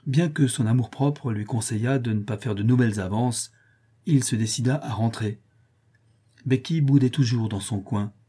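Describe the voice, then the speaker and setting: A man reading a novel aloud in a measured, steady audiobook narration. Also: mid-range voice, breathy edge.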